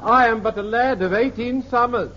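A man's voice: very high-pitched, moderate pace. A man playing a pleading, florid teenage stowaway lad in a melodramatic radio comedy style. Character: pleading, melodramatic eighteen-year-old male stowaway lad. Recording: dull, very noisy old radio recording.

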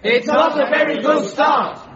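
A man's voice: extremely high pitch, measured pace. An actor playing a timid, obedient young army private in a sitcom, parroting his officers dutifully. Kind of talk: British sitcom acting. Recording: roomy, muffled, very noisy with crowd.

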